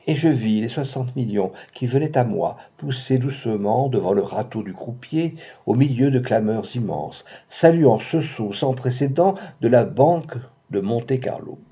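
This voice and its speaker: Casting: dark, husky male storyteller, dramatic literary reading, expressive delivery, dull lo-fi sound. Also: mid-range voice, normal speed.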